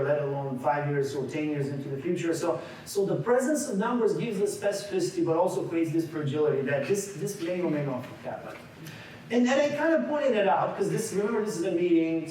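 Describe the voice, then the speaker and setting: A man in his forties from Bulgaria, working as a workshop leader, delivers an interactive seminar lecture with a conversational feel, frequent restarts and questions to the room. His voice is high-pitched and a little mellow. The recording is echoey and distant, made in a large meeting room, with a little hiss or hum.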